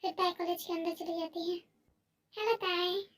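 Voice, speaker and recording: Woman, fan fiction narrator, friendly, chatty, very high voice, flat pitch, distant mic. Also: fast talker. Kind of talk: casual storytelling to fans.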